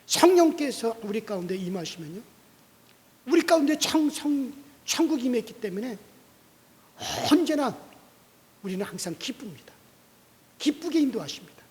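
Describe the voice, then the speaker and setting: A man's voice: very high voice, sing-song, normal speed, pauses often, a little mellow, in a large hall. A male pastor giving a dawn prayer sermon, preaching with animation and putting questions to the congregation.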